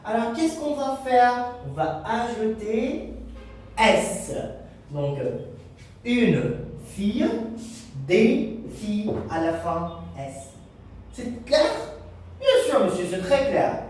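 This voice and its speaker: A man's voice: high voice, sing-song, slow pace, darkish tone, a little hiss or hum. A man teaching a French lesson to children at a board, acting out the pupils' answers himself. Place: classroom with whiteboard. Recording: echoey room, mic far off.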